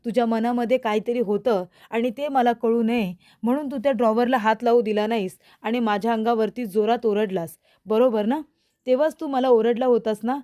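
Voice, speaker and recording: An angry young woman demanding answers from a man, as a woman narrator reads her part. The pitch sits a little high and the questions press hard. It is a spoken recap of a TV serial. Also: normal speed, warm tone, close to an everyday voice. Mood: confronting.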